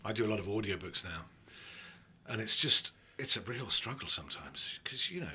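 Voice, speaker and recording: A man's voice: fairly low pitch, fairly quick, slight background noise. A man from England who works as a voice-over actor and audiobook narrator, chatting casually and telling self-mocking stories. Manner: animated storyteller, self-mocking, laughs often. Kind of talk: casual chat.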